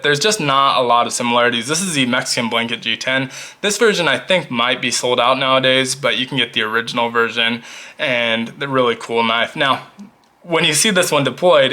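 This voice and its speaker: A man's voice: mid-range voice, bright, forceful tone. A man chatting casually as he reviews his knife collection at a table, talkative and full of rambling asides. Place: at a table showing knives.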